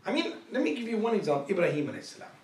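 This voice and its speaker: A man's voice: high-pitched, sing-song, racing. A man giving a Quran lecture as a teacher, joking and telling stories with quoted dialogue. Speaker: Islamic teacher. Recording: echoey room, voice far from the mic.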